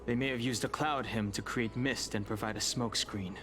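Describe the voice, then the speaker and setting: A man playing a calm, reserved young dragon-folk hero in a video game, speaking in a measured, serious way. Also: mid-range voice, music in the background, close to an everyday voice. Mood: guarded.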